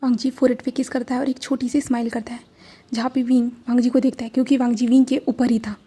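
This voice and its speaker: A woman's voice: on the high side, little pitch movement, fast talker, warm tone, husky. A woman casually narrating a fan-fiction story, retelling it with many fillers.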